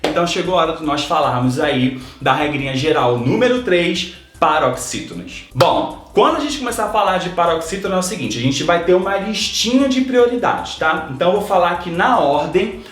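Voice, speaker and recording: A Brazilian man gives an exam-prep grammar lesson in a patient, friendly teaching voice. His pitch sits a little high and moves around with lots of life. The room around him is echoey. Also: animated, brisk, hardly any pauses, fairly bright tone. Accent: Brazilian Portuguese. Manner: explains patiently, checks in with "tá?" and "ó".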